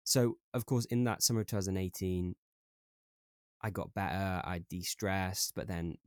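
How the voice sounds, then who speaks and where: A young man with a Welsh accent and a lowish voice talks openly about his own life on a podcast. He speaks reflectively, dotted with "like" fillers and stumbling restarts. The sound is dry and close. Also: clear, resonant tone, no echo. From Wales. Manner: reflective and open, many "like" fillers, halting restarts. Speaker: podcast guest. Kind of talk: candid conversational storytelling.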